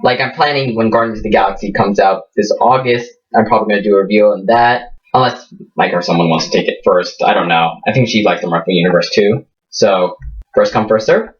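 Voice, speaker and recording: Here the same teenage vlogger, Midwestern-accented with a faint Indian lilt, jokes about himself in a small room in a lower register and at a fairly quick clip. The fifteen-year-old's chatty asides come through muffled, as if the mic were far away.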